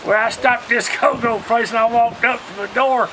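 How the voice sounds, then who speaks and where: A very high, steady voice, a little fast, comes through over a noisy background. The speaker is an older Southern man from Alabama, a retired union organizer who tells rambling, homespun stories of his earlier life and often quotes past conversations.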